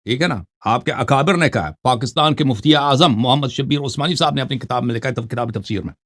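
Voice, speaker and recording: A man's voice: medium pitch, fairly bright tone, no room sound, studio quality. A man hosting a heated religious debate, pressing his opponent with repeated, insistent questions. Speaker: debate host.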